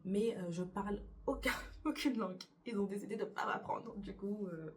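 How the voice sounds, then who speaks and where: At a moderate pace and in a mid-range voice, a young woman answers get-to-know-me questions for her vlog, with slight background noise in the clip. She's a YouTuber in her bedroom near a window, and her casual talk is hesitant, with plenty of fillers and restarts.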